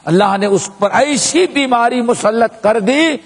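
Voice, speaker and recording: A man's voice: very high voice, husky. A man giving a sermon of Quran commentary, telling a story and putting rhetorical questions to the listeners. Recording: long echo of a large hall.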